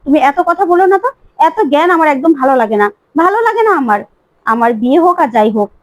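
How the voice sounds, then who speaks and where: A woman voicing an angry, defiant young bride-to-be who shouts back at her mother. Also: high voice, sing-song, fast talker.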